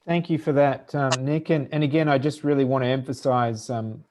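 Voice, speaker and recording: A man with a mixed Australian and South African accent, moderating a webinar panel in an informal, halting way with many fillers. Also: mid-range voice, steady tone, a little mellow, a little hiss or hum.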